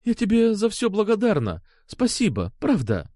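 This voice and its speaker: A man narrating an audiobook voices a frightened young woman who pleads through tears, pitching himself above his own natural voice. The delivery sits high, sing-song and mellow, at normal speed, tearful and pleading. The studio-quality recording has no echo.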